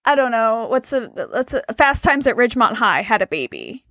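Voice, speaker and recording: A woman co-hosting a casual movie chat, animated and rambling, laughing often. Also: on the high side, moderate pace, no room sound, studio quality. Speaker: podcast co-host.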